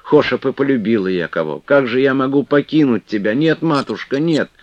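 A man's voice: medium pitch, lively intonation, brisk, dry recording, pitched above the performer's own voice, close to an everyday voice. A man reading the part of a devoted young novice woman who pleads through tears. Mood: tearful. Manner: tearful, pleading. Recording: dull, dry lo-fi recording.

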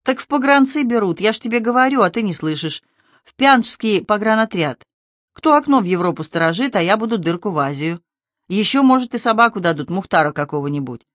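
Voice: medium pitch, animated, brisk, a bit bright, no echo, studio quality, pitched above the performer's own voice, close to an everyday voice. A reader voicing a cheeky young man who jokes with his worried mother in a teasing, breezy way.

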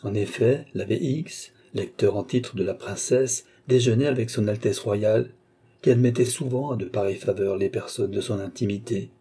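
A man narrating a classic novel as an audiobook in a measured, even storytelling manner. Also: medium pitch, husky. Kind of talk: scripted narration.

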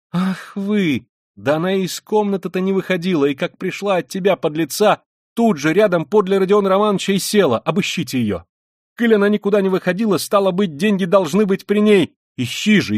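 A man voicing a hysterical, furious widow who screams insults in a high, frantic voice. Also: no echo, studio quality.

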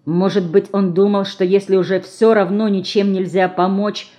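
A woman from Russia narrating an audiobook in a measured, expressive storytelling manner. Her voice sits at an everyday middle pitch for a woman. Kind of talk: scripted narration.

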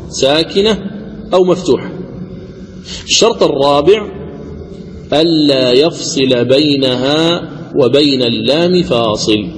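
A male recitation teacher giving a deliberate lecture, repeating each rule and slowing down to chant the examples. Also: fairly high pitch, long reverb tail, slight background noise, rough recording. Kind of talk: explanatory lecture on recitation rules.

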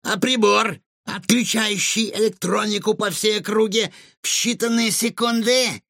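A man's voice: sits high, steady tone, unhurried, creaky, pushed and bright, dry recording, studio quality, pitched above the performer's own voice, exaggerated voice. A man voicing a menacing male mad-scientist villain who gloats and barks threats in a storybook reading. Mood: sneering.

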